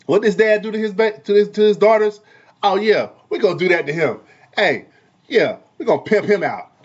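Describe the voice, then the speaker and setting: A man's voice: sits high, expressive, brisk. Heated, preachy man in lo-fi audio. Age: adult parent. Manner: heated, preachy, repeats himself, swings loud and soft. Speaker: vlogger and barber. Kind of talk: casual commentary vlog.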